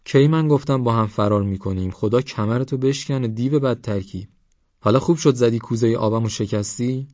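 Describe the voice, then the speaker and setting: A man reading an audiobook, voicing a frightened, indignant young village woman with a sharp, cursing manner. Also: mid-range voice, fairly even intonation, hardly any pauses, no room sound, muffled recording, pitched above the performer's own voice, lightly acted.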